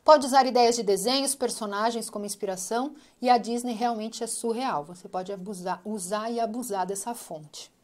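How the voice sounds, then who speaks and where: A Brazilian woman with a fairly high voice teaches crafts in an informal, explanatory way. She wears a dental retainer that slightly gets in the way of her articulation, and she often checks in with short tag questions. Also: moderate pace, few pauses. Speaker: craft instructor. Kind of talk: informal craft lesson to camera. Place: small home craft studio, indoors. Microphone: lapel mic.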